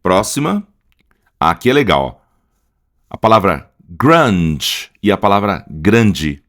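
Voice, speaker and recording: A Brazilian man with a Brazilian accent, patiently explaining pronunciation in a lesson and often checking in with a quick "right?". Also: low voice, sing-song, a bit bright. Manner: patient, often tags phrases with a questioning "right?". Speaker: language teacher.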